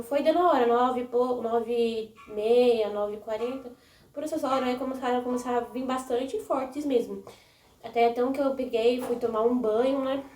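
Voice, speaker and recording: Young woman vlogger, rambling chatty storyteller, a bit high, recorded in an echoey room away from the mic. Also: dark tone, far from the mic, slight background noise. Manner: rambling, with frequent "né?" and restarts. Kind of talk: casual storytelling to viewers.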